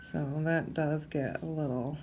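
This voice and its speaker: A low, dark-toned woman talks slowly through a tattoo tutorial, her voice gravelly and a little hoarse from allergies. She sounds relaxed and chatty as she works, with faint noise behind her. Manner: slow, relaxed and chatty while working. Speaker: tattoo instructor. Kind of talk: casual tutorial demo.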